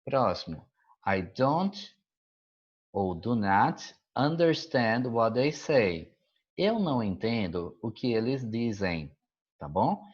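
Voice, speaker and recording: A man's voice: medium pitch, husky, lo-fi sound. A man with a Brazilian Portuguese accent, an English teacher patiently explaining a school worksheet and often checking that students follow.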